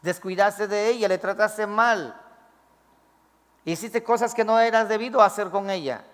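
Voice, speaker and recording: A man's voice: high voice, unhurried, fairly bright tone, long reverb tail. A man preaching a sermon as pastor, acting out pleading prayers in a raised voice.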